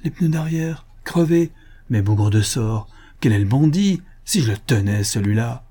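A man reading the part of a flustered, excitable male suitor who pleads and curses in an audiobook. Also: a little high, normal speed, breathy edge, pitched above the performer's own voice.

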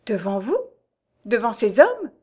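A woman's voice: a little high, wildly swooping pitch, unhurried, darkish tone, breathy edge, exaggerated voice. A woman voicing a young noblewoman under arrest, pleading and distraught.

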